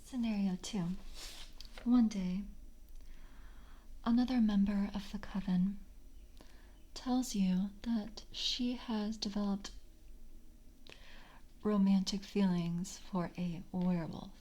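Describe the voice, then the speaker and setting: Speaking softly and breathily, frequently in a whisper, a woman portrays a courteous, self-possessed vampire coven member for an ASMR roleplay. She questions like a gentle, measured interviewer in a calm, businesslike way, her medium-pitched voice caught on a low-quality recording.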